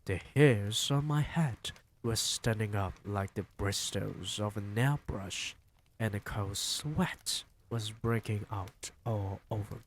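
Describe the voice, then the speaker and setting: A man reading a novel aloud on a stream, with expressive, dramatic narration. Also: fairly low pitch, slow pace, slight background noise. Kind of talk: storybook reading.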